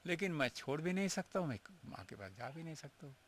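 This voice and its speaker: A man's voice: a little high, big pitch swings, fast talker, fairly bright tone. A man, a monk being interviewed, telling his memories earnestly and with feeling, slipping in English phrases. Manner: earnest, emotional storytelling mixing in English phrases. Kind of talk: reminiscing interview.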